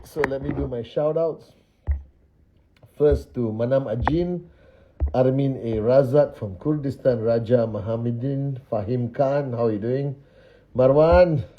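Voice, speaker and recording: Upbeat man reading out viewer shout-outs. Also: mid-range voice, muffled recording, a little hiss or hum. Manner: upbeat, reels off viewer names with quick greetings. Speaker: host of a live stream. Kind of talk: casual live-stream greetings and shout-outs. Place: indoors, just back from a dinner.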